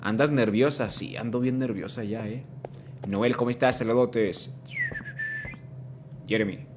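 A man from Colombia with a Mexican-sounding Spanish accent, commentating a live game stream and greeting his chat, prone to sudden excited shouts. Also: mid-range voice, normal speed, slight background noise. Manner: excitable, bursts into shouts at scares. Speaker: gaming streamer.

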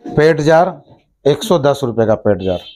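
A man in his thirties, a shop owner, listing plastic goods and their prices and repeating each price briskly, recorded indoors on a lapel mic in a small shop office. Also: medium pitch, very animated, a little mellow. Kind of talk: product price rundown.

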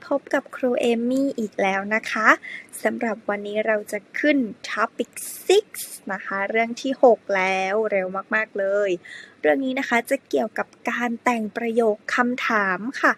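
A woman teaching an English grammar lesson to primary pupils, speaking slowly and spelling words out letter by letter. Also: on the high side, creaky, a bit bright. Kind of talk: slow spelled-out classroom lesson.

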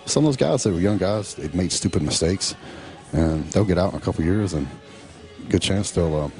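A middle-aged man, casually narrating in a laid-back, drawn-out way full of fillers. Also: deep voice, lively intonation, warm tone, faint music behind. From Texas. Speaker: professional bodybuilder.

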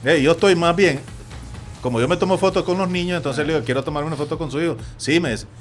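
A man with a Nicaraguan Spanish accent talks through a sports radio show, his voice sitting a bit high. He tells stories with lively back-and-forth and acts out the people he quotes. Faint music plays quietly underneath the broadcast. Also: fast talker. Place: radio studio.

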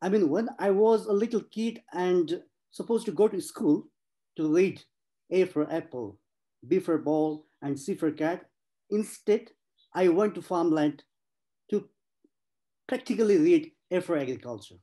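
A Nepali man in his forties speaks earnestly and personally on an online panel, repeating himself to stress his points. His voice is high-pitched and warm, and he talks a little slowly.

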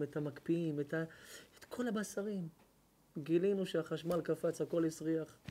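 A man, a rabbi telling a sermon story and acting out its dialogue, swinging between hushed lines and loud bursts. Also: on the high side, a little hiss or hum. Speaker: rabbi giving a Torah lesson. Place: hall at an evening lecture.

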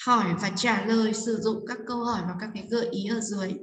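Woman English teacher, slow careful reading of examples, distant mic with long reverb. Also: mid-range voice, fairly even intonation, fairly bright tone. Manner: explains in Vietnamese, reads English slowly. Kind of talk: classroom lesson narration. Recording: echoey roomy, distant from mic.

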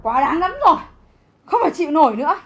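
A woman's voice: a little high, moderate pace, husky. A woman playing a caring countryside grandmother. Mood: indignant care. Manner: gentle and pleading, turning indignant. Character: caring rural grandmother, the bride's mother. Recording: music underneath.

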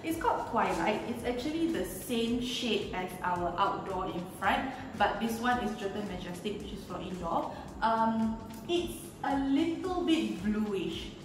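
A woman from Malaysia, a home renovation vlogger, gives a casual walkthrough of a house, chatty and explanatory, gesturing and saying "um" often. Her medium-pitched, animated voice is unhurried, and the handheld camera a few feet away leaves her off-mic, echoing through bare, empty rooms with a long tail amid background noise.

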